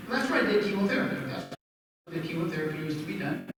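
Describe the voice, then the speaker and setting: A man's voice: on the high side, animated, rapid-fire. A middle-aged man preaching a sermon as pastor, telling a personal story and asking the congregation questions. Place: church sanctuary. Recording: echoey church hall from far off, faint noise.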